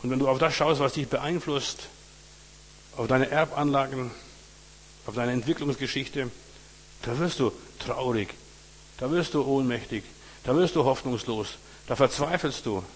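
A man's voice: medium pitch, a little slow, pauses often, breathy edge. Guy preaching a sermon, keeps asking "you know?", big dramatic bible readings, long hall echo. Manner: direct address with frequent 'weißt du', dramatic scripture readings.

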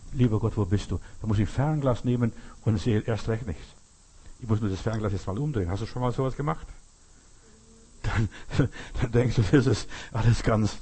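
An older man delivers a sermon in a mid-range voice that is a little mellow and slightly rough. He speaks emphatically, using dramatic pauses, repeating phrases and addressing the listener directly.

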